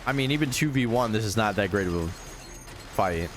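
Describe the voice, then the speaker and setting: Low-voiced man, casual reaction streamer. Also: animated, moderate pace, a bit bright, a little hiss or hum. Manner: swears casually, incredulous asides.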